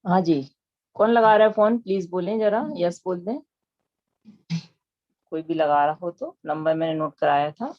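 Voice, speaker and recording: A woman teaching a devotional verse class online, patiently explaining pronunciation and meaning and chanting the lines slowly. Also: fairly low pitch, highs cut off.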